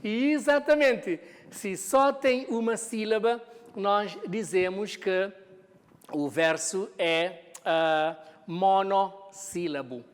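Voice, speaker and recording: A woman's voice: medium pitch, slow pace. A woman teaching a televised lesson, explaining step by step and putting questions to the viewer before answering them herself. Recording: long reverb of a hall.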